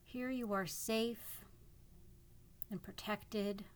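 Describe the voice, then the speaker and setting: A woman narrating a guided imagery meditation in a calm, soothing way, leaving long pauses between gentle instructions. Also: medium pitch, a little hiss or hum. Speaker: psychotherapist guiding a meditation.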